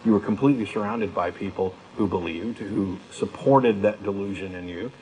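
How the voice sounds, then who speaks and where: Talking in a conversational, emphatic manner, a man co-hosting a talk show works through his personal views. His mellow voice sits on the low side at a moderate pace, captured in a rough recording with clear background noise and room ambience.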